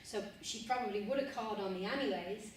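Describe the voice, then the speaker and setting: A woman's voice: mid-range voice, quick pace. A young adult woman giving a casual talk as guest speaker, speaking conversationally with many fillers. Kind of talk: casual talk to a student group. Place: university room. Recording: echoey room, distant mic, background noise.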